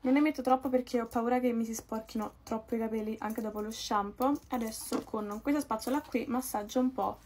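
A young woman from Naples, chatting quickly and casually to her viewers while doing her makeup. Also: on the high side, fairly even intonation, a little mellow, slight background noise. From Naples, Italy. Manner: fast-talking, chatty, addresses viewers as "raga". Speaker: beauty vlogger. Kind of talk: casual get-ready-with-me chat.

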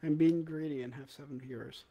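A young man streaming a VR ghost game with friends, excitable and swearing, laughing often. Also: on the high side, brisk. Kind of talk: casual gaming chat with friends.

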